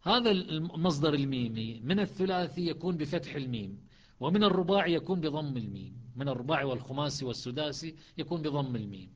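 A man patiently teaching the variant readings of Quran recitation, explaining methodically with frequent pauses and restarts. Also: fairly high pitch, animated. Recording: dull lo-fi recording.

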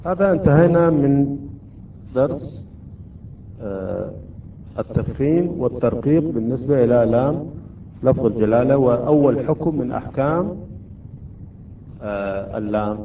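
A man teaching a class on recitation rules, asking his students questions and drawing out example phrases slowly. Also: medium pitch, animated, slight background noise. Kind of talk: Quran recitation lesson. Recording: distant muffled classroom recording.

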